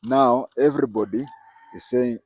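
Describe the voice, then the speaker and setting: A middle-aged man giving solo political commentary, speaking deliberately and repeating key points for emphasis. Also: mid-range voice, no echo.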